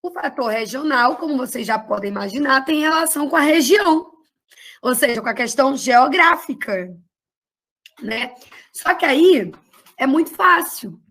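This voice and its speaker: A woman's voice: high-pitched, animated, moderate pace, fairly bright tone. A woman teacher with a Cearense Brazilian accent, explaining a lesson in a chatty, affectionate way to her class. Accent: Cearense Brazilian Portuguese. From Ceará, Brazil. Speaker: Portuguese teacher. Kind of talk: online class lecture.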